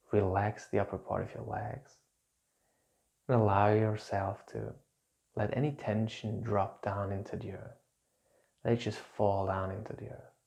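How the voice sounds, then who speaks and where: Low, mellow man leading a calm grounding exercise. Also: gravelly. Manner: soothing, repetitive, gentle instructions with pauses. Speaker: instructor leading a guided relaxation exercise.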